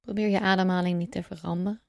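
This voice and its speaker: A woman guiding a breathing meditation, speaking calmly and slowly in a soothing way with long pauses. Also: lowish voice, vocal fry, no room sound, clean studio sound. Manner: calm, slow, soothing instruction with long pauses. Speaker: meditation guide. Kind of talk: guided breathing meditation narration.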